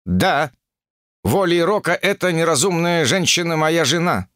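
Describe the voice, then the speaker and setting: A man voicing a proud, stubborn monkey king in an audiobook, speaking slowly and commandingly. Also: on the high side, animated, fairly bright tone, no room sound, clean studio sound, voice pushed up. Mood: furious. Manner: slow, lofty, commanding.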